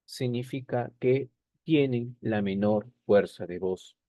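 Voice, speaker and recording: A man's voice: medium pitch, slow pace, warm tone, no room sound. A male teacher explaining a lesson over slides, repeating key points and checking in with short tag questions.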